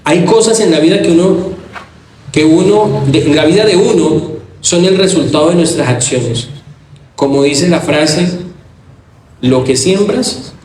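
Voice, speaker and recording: A man's voice: on the high side, unhurried, a little mellow, roomy sound, a little hiss or hum, rough recording. A man preaching a sermon in an emphatic style, with rhetorical questions and repetition. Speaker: pastor.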